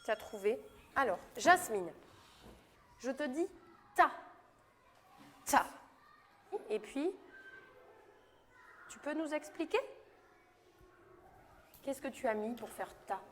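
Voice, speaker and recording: Woman kindergarten teacher, encouraging, slow and clear, fairly high voice, faint room noise. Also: animated. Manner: patient, encouraging, stretches out speech sounds. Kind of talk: classroom instruction with young children. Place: kindergarten classroom.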